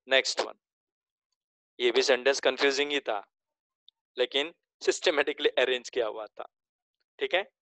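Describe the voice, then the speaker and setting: A man's voice: mid-range voice, bright, forceful tone, dry recording, rough recording. A male English teacher giving an online class lecture, joking and teasing his students as he explains. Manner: switches between languages, jokey and teasing with students.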